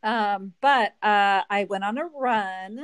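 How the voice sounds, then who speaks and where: A woman's voice: mid-range voice, slow, a crowd in the background. A woman guest on a podcast, chatting casually and laughing often at herself. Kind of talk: casual chat.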